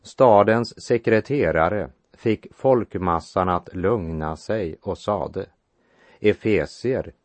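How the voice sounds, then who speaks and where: A man giving a measured sermon that explains Bible passages and reads verses aloud. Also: sits low, no room sound. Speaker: preacher. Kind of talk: radio sermon, Bible exposition.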